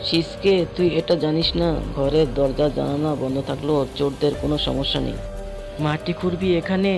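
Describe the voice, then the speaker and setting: Man acting a sneaky, creaky-voiced cartoon jackal thief. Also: fairly high pitch, a little fast. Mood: sly, eager. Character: sneaky, scheming jackal husband turned petty thief. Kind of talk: exaggerated cartoon story acting. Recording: music behind the dialogue.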